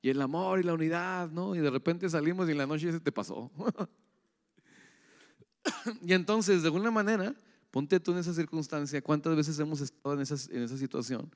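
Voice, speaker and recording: A man's voice: on the high side, normal speed, pauses often. Preaching man in an echoey hall. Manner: conversational, asks the congregation questions. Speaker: pastor. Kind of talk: sermon. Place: church hall.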